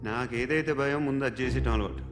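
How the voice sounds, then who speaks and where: An actor playing a cool, cocky hero. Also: male voice, mid-range voice, fast talker, music in the background, close to an everyday voice. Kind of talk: film acting.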